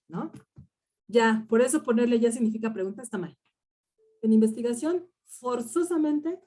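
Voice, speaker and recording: Woman, middle-aged instructor, mellow tone, patient explainer who checks understanding. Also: mid-range voice. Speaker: university instructor. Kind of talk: online class lecture.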